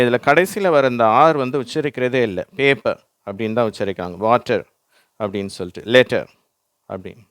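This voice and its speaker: A man with a Tamil accent gives a patient pronunciation lesson, reading words one by one so learners can repeat them. His voice is smooth and clear, and the recording is dry and close. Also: medium pitch, no echo. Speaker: English teacher. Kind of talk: slow instructional explanation.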